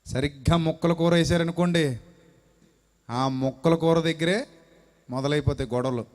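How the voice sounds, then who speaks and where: A man's voice: fairly high pitch, steady tone, normal speed, a little mellow. A male preacher delivering a sermon, telling stories and acting out the voices of quarrelling people. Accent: Telugu. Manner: storytelling, acts out quarrelling people.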